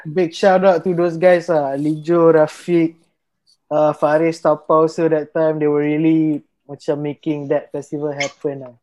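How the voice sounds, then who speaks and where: A man's voice: on the high side, flat delivery, normal speed, a little mellow, poor audio. A young Malaysian man chatting casually as a musician guest, mixing Malay and English slang. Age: young adult. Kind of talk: casual chat.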